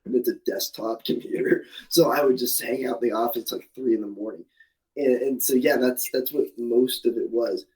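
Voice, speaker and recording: A man's voice: mid-range voice, fairly even intonation, moderate pace, darkish tone, poor audio. Rambling young man in his twenties. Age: 20s. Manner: rambling, many restarts and fillers, laughs at himself. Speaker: guest. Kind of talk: casual interview.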